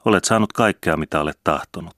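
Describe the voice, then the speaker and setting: A man's voice: deep voice, a bit bright, no room sound, clean studio sound. A man voicing an anxious elderly peasant woman, the sister in a story reading, speaking eagerly and with worry. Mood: pleading.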